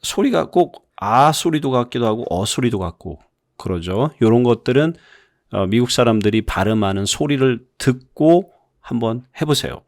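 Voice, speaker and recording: A man's voice: medium pitch, expressive, normal speed, dry recording, clean studio sound. A middle-aged man teaching an English phonics lesson in a chatty, explanatory way, often repeating points for emphasis.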